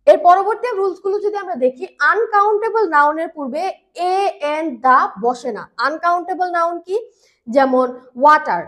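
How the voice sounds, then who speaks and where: High-pitched lady teaching english grammar, patient, says key words slowly again and again. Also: a bit bright. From Bangladesh. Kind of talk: grammar lesson explanation.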